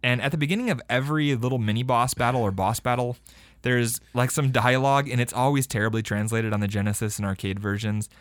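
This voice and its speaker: A man's voice: medium pitch, fast, no room sound, studio quality. Enthusiastic man chatting about retro games. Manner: enthusiastic, animated retelling with shouted quotes. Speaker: podcast co-host.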